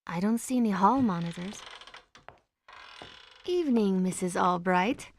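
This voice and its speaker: A woman's voice: medium pitch, lively intonation, measured pace, slight background noise. An actress playing a sardonic young woman who breaks rules playfully, speaking in a wry, teasing way in a video game. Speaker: former student guiding a stranger.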